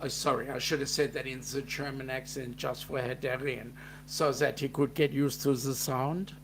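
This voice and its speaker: A man's voice: medium pitch, normal speed, slight background noise. A man with a New Zealand accent co-hosting a casual live chat, reading out viewer comments with plenty of ums. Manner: relaxed, reads out chat messages with filler ums.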